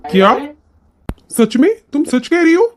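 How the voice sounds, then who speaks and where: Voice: medium pitch, fast, dark tone, a little hiss or hum, lightly acted. An actor voicing a kind, idle young husband in a cartoon who talks in an eager, reassuring way. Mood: surprised. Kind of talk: cartoon voice acting.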